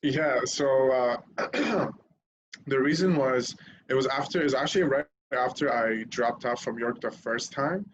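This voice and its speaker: A man's voice: medium pitch, unhurried, highs cut off, slight background noise. A young man from Lebanon, a podcast guest telling his story candidly in casual chat, swearing freely and laughing at himself.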